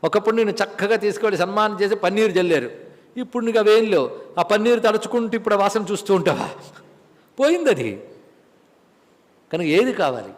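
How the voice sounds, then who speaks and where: A man's voice: high-pitched, animated, brisk, long pauses. A man giving a religious discourse on scripture, asking rhetorical questions and chanting verses. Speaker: spiritual teacher. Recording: long hall reverb.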